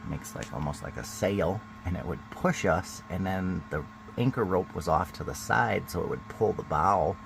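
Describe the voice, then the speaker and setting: A man's voice: deep voice, normal speed, gravelly, music in the background, low-quality recording. A man vlogging from a boat on a river, talking in a rambling, chatty way with many fillers. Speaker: boating vlogger. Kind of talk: casual vlog narration.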